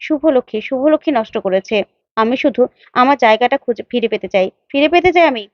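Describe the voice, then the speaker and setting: A woman's voice: on the high side, expressive, fast talker, no room sound, lo-fi sound, lightly acted. A woman voicing a young woman who insists and pleads over a lost love. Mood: desperate.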